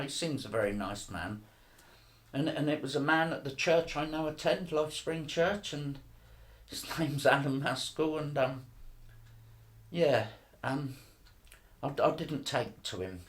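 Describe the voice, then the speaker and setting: A middle-aged man tells his faith story in a casual, earnest way. He stumbles and repeats words as he goes. His voice sits at an ordinary pitch. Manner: earnest, halting, repeats words, occasional laughs. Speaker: testimony speaker. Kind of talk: personal faith testimony.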